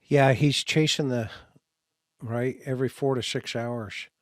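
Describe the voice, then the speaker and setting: A man hosting an interview, asking questions in a halting way with frequent restarts. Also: mid-range voice, fairly even intonation, no room sound, studio quality. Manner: halting, with restarts and filler words. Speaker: host.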